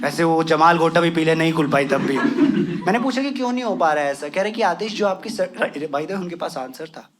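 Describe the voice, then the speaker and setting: A man's voice: a little high, lively intonation, fairly quick, a crowd in the background. A young man doing stand-up comedy with a western Uttar Pradesh accent, crude and full of swearing, mixing English into his talk. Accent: western Uttar Pradesh Hindi. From western Uttar Pradesh, India. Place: comedy stage with a laughing audience.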